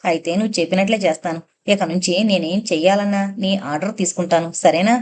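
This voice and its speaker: A woman's voice: on the low side, fairly even intonation, quick pace, a little mellow, natural voice. A woman narrator voicing a boastful, pushy young male college student in an audiobook, eager and self-satisfied. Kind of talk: audiobook character reading.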